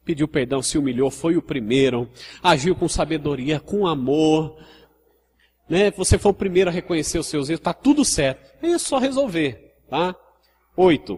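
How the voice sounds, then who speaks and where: A Brazilian pastor with a fairly high, husky voice preaches in a relaxed, conversational way and keeps asking his listeners for agreement. His voice rings with the long reverb of a church hall. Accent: Brazilian Portuguese. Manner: conversational preaching, often asks the congregation "né?". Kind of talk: sermon.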